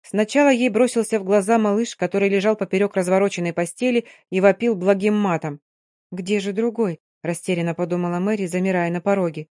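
A woman's voice: medium pitch, fairly even intonation, fast talker, hardly any pauses, darkish tone, dry recording. Woman reading an audiobook, dry sound. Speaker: audiobook reader. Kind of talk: scripted narration.

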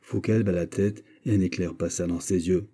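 A man narrating a classic novel as an audiobook, in a measured storytelling manner. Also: sits low, steady tone, dark tone, slightly rough.

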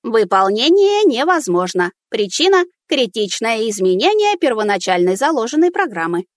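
A woman's voice: fairly high pitch, big pitch swings, normal speed, no echo, clean studio sound. A woman reading a story aloud, voicing a cold, formal female robot assistant with an electronic, mechanical voice. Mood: flat. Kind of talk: audiobook reading.

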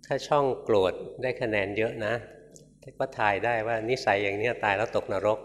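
A man, a Buddhist monk, giving a Dhamma talk in a conversational, gently humorous storytelling manner. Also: on the low side. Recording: reverberant hall with faint noise.

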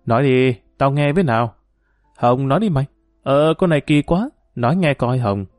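A man voicing a brash, quick-tempered young woman who scolds and pleads with a friend. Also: mid-range voice, lively intonation, darkish tone, no echo, studio quality, soft background music, natural voice. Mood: pleading.

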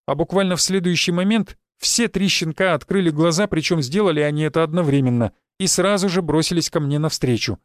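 A man giving steady first-person narration of a fantasy novel as an audiobook reader. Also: a little high, a little fast, few pauses, no room sound, clean studio sound.

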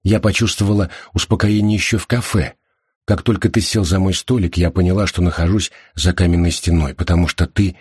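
A man reading the lines of an anxious, thoughtful young woman, with a worried, questioning manner and a husky voice. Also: low-pitched, fairly even intonation, fairly quick, darkish tone, dry recording, clean studio sound.

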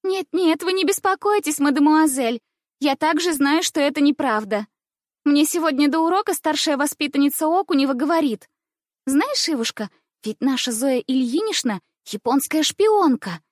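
A woman voicing a mischievous, daring young schoolgirl with a shrill, taunting manner in a storybook reading. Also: animated, normal speed, dry recording, clean studio sound. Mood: sly innocent.

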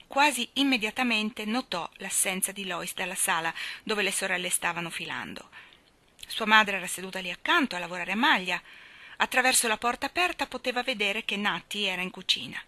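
A woman reading a novel aloud as audiobook narrator, measured and expressive. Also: medium pitch, dry recording. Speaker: audiobook reader.

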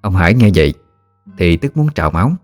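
A man narrating a ghost story audiobook in a steady storytelling manner. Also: low-pitched, quick pace, faint music behind.

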